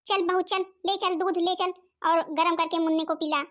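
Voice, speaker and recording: Cartoon saas, bossy and nagging, very high voice. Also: female voice, fairly even intonation, moderate pace, a bit bright. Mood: scolding. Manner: nagging, scolding. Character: scolding, stingy older mother-in-law who favours grandson. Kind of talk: cartoon comedy voice acting.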